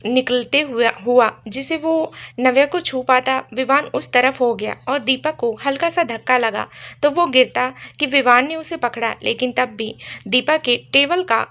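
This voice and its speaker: A woman's voice: high-pitched, a little slow, fairly bright tone. A woman narrating a romantic story in a conversational storytelling manner.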